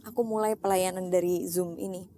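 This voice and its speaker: Middle-aged woman lay preacher, animated casual storyteller, faint background hiss. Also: fairly low pitch, a little fast. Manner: animated storyteller who mixes in English phrases. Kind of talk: casual personal testimony.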